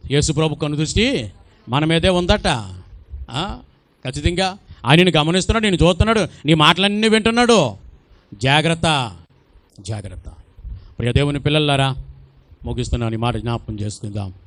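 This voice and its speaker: Male pastor, fairly high voice, dry recording; emphatic Easter sermon with repeated lines that build to loud peaks. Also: no echo. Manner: addresses the congregation directly with questions.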